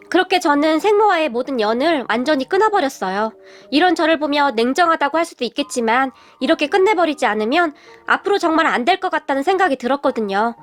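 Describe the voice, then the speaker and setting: A woman telling a first-person radio story in scripted narration, at an even storytelling pace. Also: high-pitched. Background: faint music.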